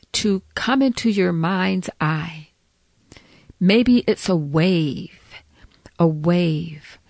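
A woman leading a guided breathing meditation in a soothing, encouraging manner, with halting phrases and repetition. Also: lowish voice, a little mellow, no room sound, clean studio sound.

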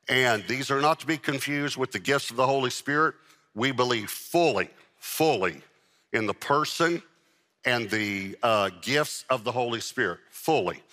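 A man's voice: mid-range voice, bright, forceful tone. A man preaching a sermon to a live congregation as pastor, pressing on key words and repeating them for emphasis. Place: church with a congregation. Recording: long hall reverb.

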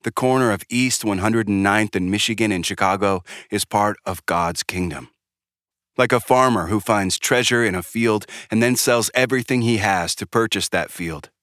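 A man reading a scripted devotional in a calm, measured, prayerful way, close to the mic. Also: lowish voice, dry recording. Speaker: devotional writer and reader. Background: soft background music.

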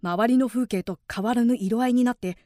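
A woman's voice: fairly high pitch, fairly quick, mellow, no room sound, studio quality, lightly acted. A woman voicing an earnest young male samurai in a period audio drama, bold and declamatory. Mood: polite. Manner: bold, declamatory, turning polite to superiors.

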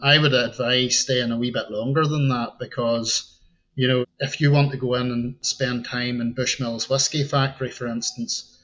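With a mid-range voice, fairly even intonation and a moderate pace, a tour guide from Northern Ireland chats as a podcast guest in a casual interview. His accent has an Ulster Scots tinge, he's easygoing and chuckles often, and his fairly bright tone has the highs cut off.

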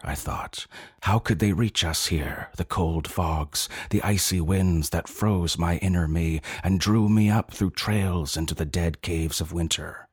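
A man's voice: deep voice, breathy edge, no echo, studio quality. A man narrating a story in an intense, tender and brooding manner. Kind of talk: dramatic story reading.

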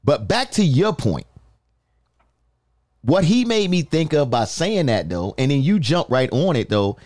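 A man hosting a casual podcast chat, asking questions in an animated way with frequent restarts. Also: on the high side, a little slow, dry recording, studio quality. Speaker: podcast host.

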